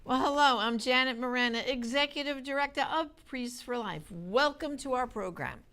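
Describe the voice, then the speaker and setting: A woman's voice: high-pitched, normal speed, pushed and bright, soft background music. An American woman hosting a program, introducing and questioning in a conversational interview style.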